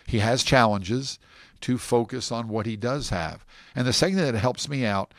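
A man being interviewed, telling stories in an animated, rambling way. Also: medium pitch, normal speed, no room sound, clean studio sound. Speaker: guest. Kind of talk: casual interview talk.

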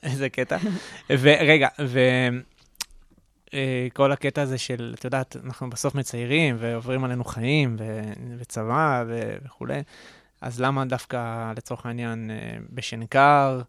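A man hosting a casual radio-studio podcast interview, eager and excitable, with rambling questions. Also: mid-range voice, clear, resonant tone, dry recording. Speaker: podcast host.

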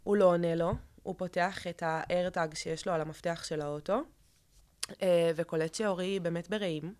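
A young woman speaks as an interview guest, recounting a personal ordeal in a low voice. She talks haltingly, with many fillers and restarts. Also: fairly even intonation, darkish tone. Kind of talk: emotional personal account in an interview.

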